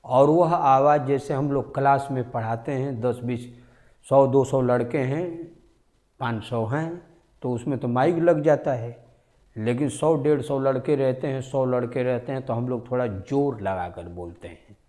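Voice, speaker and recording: A man teaching a science class, repeating each key number and phrase slowly and carefully. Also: medium pitch, a little mellow. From India. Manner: slow, repetitive, stresses key numbers.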